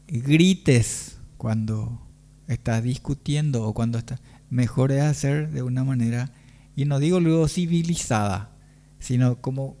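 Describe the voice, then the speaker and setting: A man with a Paraguayan Spanish accent preaching a Sunday sermon, pausing often and asking rhetorical questions of the congregation. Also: medium pitch, mellow. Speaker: pastor.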